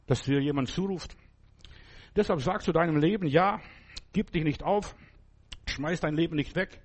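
An older pastor preaches in German with a Lithuanian accent inside a church hall, speaking emphatically and directly to the listener. His voice is fairly high, a little mellow, with a breathy edge.

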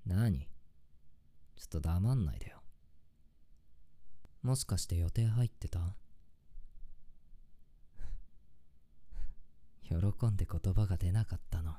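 A man playing an affectionate, teasing young boyfriend on an intimate late-night call, murmuring softly as if sleepy. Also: low voice, normal speed, long pauses. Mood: happy, tender. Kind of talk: intimate boyfriend role-play audio.

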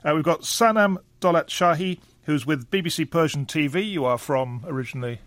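A man hosts a studio panel discussion, his voice sitting a little high for a man. He is wry and conversational, chuckling between questions. The room is dry and close. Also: brisk, a bit bright, no room sound. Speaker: radio panel host.

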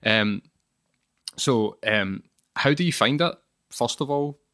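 Bright, hesitant male podcast host. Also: medium pitch, lively intonation, slow pace, no echo, studio quality. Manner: hesitant, many "um" and restarts. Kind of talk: casual interview.

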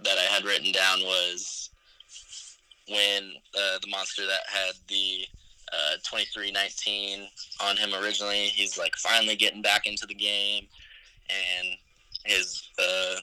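Twenties male co-host, low voice with a very bright, sharp edge, hesitant casual delivery. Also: monotone, a little slow, clear, resonant tone, no room sound, low-quality recording. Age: 20s. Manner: hesitant, many ums, chuckles while recounting scenes. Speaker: podcast co-host. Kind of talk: casual movie review chat.

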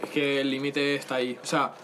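A young man co-hosting a casual podcast chat, telling animated stories, laughing often and calling his friends bro. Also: medium pitch, fairly quick, background noise. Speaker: podcast co-host.

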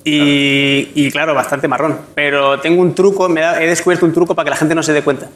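A man, a comedian telling self-mocking stories on a talk show, stammering and animated. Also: fairly high pitch, a little fast. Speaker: comedian guest. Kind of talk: comic storytelling on a talk show.

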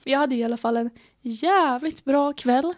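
A teenage girl co-hosting a podcast in casual chat, telling stories excitedly and acting out her own reactions. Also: high voice, no echo, studio quality. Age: teens. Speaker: podcast co-host.

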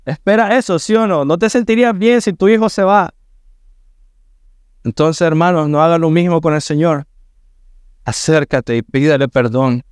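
Middle-aged male pastor, sermon, smooth resonant voice, dry close sound, earnest and emphatic. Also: on the high side, moderate pace, pauses often, no room sound. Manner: earnest, rising to emphatic preaching.

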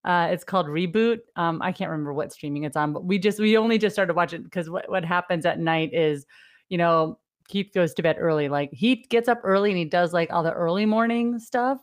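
A middle-aged woman with a slightly low voice hosts a casual podcast interview. She talks in a loose, rambling way, full of fillers and quick laughs. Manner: chatty, laughs often, many fillers. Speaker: podcast host.

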